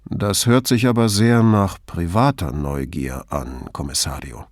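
Male reader as a cautious doctor, deep and even-toned, dry sound. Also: unhurried, no echo. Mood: reserved. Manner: neutral, reserved. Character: guarded, neutral-toned male family doctor.

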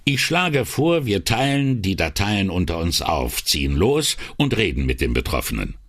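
A man's voice: low voice, very animated, normal speed, a bit bright, dry recording, full character voice. A man voicing a wry veteran police inspector who makes dry, sardonic remarks. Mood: matter-of-fact.

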